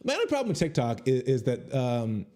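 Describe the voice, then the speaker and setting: A Twitch comedian in his thirties chats casually with viewers, rambling across tangents, making self-deprecating jokes, and reacting to chat. His voice is mellow and relaxed yet brisk, recorded close on a boom-arm studio mic in a small home room with faint music beneath.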